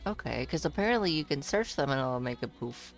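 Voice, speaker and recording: A woman's voice: low-pitched, lively intonation, brisk, faint music behind. A woman playing a video game and chatting casually, curious and prone to giggling. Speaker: gamer. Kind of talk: casual game stream chat.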